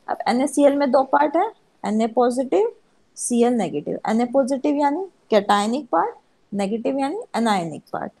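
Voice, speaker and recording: In a classroom lecture, a female chemistry teacher poses questions to herself and then answers them for the class. Her slightly high, mellow voice has a husky edge and gravelly fry, and the recording is rough.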